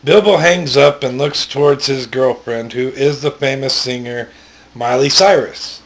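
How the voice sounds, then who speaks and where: A man with a medium-pitched voice tells a story plainly in an amateur read-aloud style, pausing and stumbling along the way.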